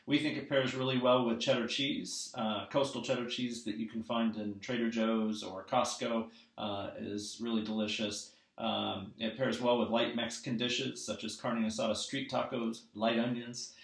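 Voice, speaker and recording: Fifties guy, winemaker, talks through his wine slow with lots of uh's, webcam, echoey room. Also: medium pitch. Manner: measured, with frequent "uh" fillers. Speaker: winery owner and winemaker. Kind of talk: scripted wine presentation to camera. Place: small room at home, indoors.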